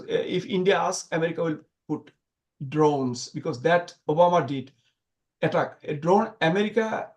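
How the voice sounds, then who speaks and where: A man being interviewed, talking in an animated, sarcastic way with many restarts and repeated words. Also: fairly high pitch. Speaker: guest commentator.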